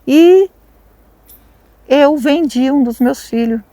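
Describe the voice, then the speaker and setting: A woman's voice: sits high, slow pace, mellow, no room sound, pitched above the performer's own voice. A woman voicing a desperate rich farmer father who pleads and confesses to his wife. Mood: confessing.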